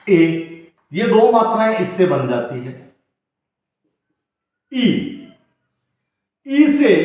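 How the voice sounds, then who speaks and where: A man's voice: high-pitched, darkish tone. A man teaching a lesson, explaining step by step and spelling out example words. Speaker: English teacher. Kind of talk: spoken classroom-style lesson. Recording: very echoey room.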